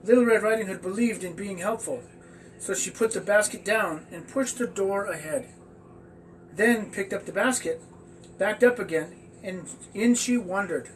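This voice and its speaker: A high-voiced man reads a children's story aloud, halting and stumbling over the words. The mic is distant, with faint background noise.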